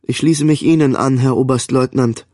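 A man's voice: mid-range voice, fairly even intonation, normal speed, dark tone, dry recording, studio quality, natural voice. A man voicing an eager, dutiful squadron leader who reports in a snappy military way. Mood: dutiful, crisp.

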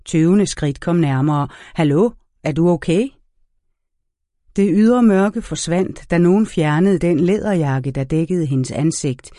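A man narrates a novel in a measured, even way, telling the story at a steady pace. His voice sits a little high for a man but has a mellow, warm tone. It is recorded close and dry, with no room sound. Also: dry recording. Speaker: audiobook narrator. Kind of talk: scripted narration.

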